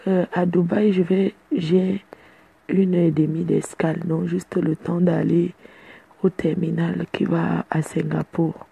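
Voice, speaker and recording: Gravelly, husky woman, slow and boastful. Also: fairly low pitch, level tone, mellow, lo-fi sound. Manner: boastful, playful, chatty. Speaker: social media personality addressing fans. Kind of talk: casual live video chat.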